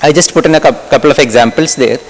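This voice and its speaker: A man's voice: mid-range voice, fast talker. A middle-aged man from Kerala with a Malayali English accent, giving a conversational workshop lecture and putting questions to his audience. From Kerala, India. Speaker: medical lecturer. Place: lecture hall. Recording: lecture hall reverb.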